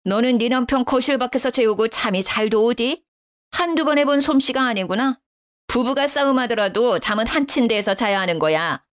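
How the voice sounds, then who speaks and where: A woman's voice: fairly high pitch, brisk, pitched above the performer's own voice, lightly acted. A woman voicing a domineering middle-aged mother-in-law who scolds in a raised, condescending tone. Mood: furious.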